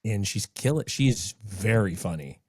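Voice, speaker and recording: A male podcast host chatting casually in a relaxed, measured way. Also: on the low side, breathy edge, no room sound, studio quality. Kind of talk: casual interview chat.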